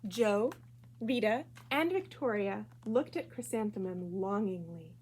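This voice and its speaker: A woman reading a children's storybook aloud at library storytime, expressive and clearly phrased for young listeners. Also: mid-range voice, unhurried, slight background noise.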